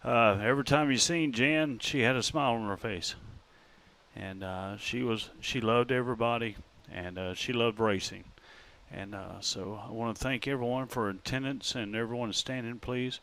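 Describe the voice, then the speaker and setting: A man, the track announcer, speaking on the PA in an emotional, heartfelt, slightly halting way. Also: mid-range voice, a bit bright. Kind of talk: live race PA announcing. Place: outdoor racetrack. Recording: outdoor speedway with noise.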